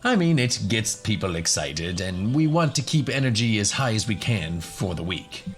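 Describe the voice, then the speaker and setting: In a fantasy radio story, a man voices a courteous professor who hosts a band of adventurers. His fairly low voice swings widely in pitch at a moderate pace, sounding earnest, polite, slightly hesitant and explanatory. Faint music plays behind him.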